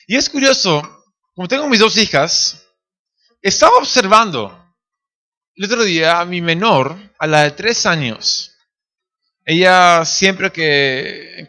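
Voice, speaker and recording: A man in his thirties preaching a sermon in church, telling family stories, acting out the voices of the people in them and shouting at the high points. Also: expressive, slow, pauses often. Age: 30s. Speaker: pastor. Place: church sanctuary.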